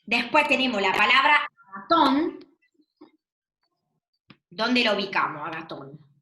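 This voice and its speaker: Woman teacher, slow and lively, echoey room on a video call. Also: on the high side. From Argentina. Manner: patient, questioning, affirming answers. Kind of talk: online class lesson.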